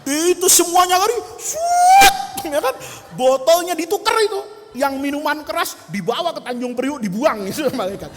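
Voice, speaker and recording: A man's voice: extremely high pitch, animated, moderate pace, hardly any pauses, background noise. A man preaching a humorous sermon, telling a story and acting out its characters with jokey asides. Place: mosque or hall gathering. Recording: long hall reverb.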